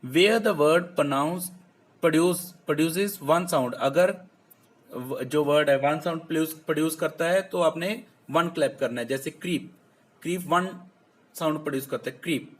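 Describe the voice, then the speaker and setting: Indian male teacher, slightly high voice, unhurried bilingual classroom explainer. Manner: reads English lines slowly and clearly, then explains in Hindi. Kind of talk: Hindi-English lesson explaining a textbook.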